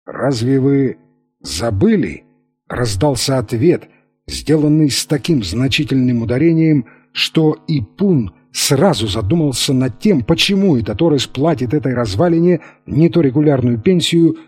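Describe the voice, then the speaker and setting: A man reading an adventure novel aloud as narrator in an even, measured manner, with a husky voice. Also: medium pitch, soft background music. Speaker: audiobook narrator. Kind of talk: scripted narration.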